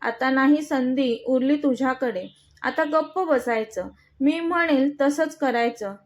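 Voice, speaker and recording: A woman's voice: high-pitched, measured pace. A woman voicing an arrogant, menacing young male villain who taunts and threatens in a storybook reading. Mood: taunting. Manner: mocking, threatening.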